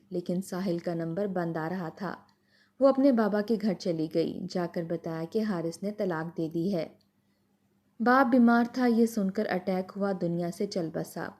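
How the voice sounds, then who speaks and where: Brief: a woman storyteller, dramatic and emotional, mellow dark tone. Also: fairly low pitch. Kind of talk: scripted narration of an emotional moral story.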